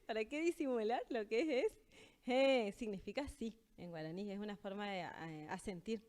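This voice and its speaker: A woman teaching in a casual language lesson, explaining patiently and slowing down to read example phrases. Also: mid-range voice, darkish tone.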